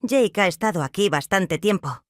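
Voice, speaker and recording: A narrator voicing a cold, controlling stepfather who gives curt orders in a calm tone. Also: sits high, moderate pace, dry recording, studio quality.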